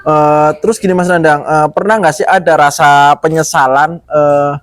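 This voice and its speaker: A man's voice: a little high, steady tone, moderate pace. A man hosting a casual podcast interview, asking questions eagerly and agreeing often. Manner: eager, constant agreeing backchannels. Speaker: podcast host.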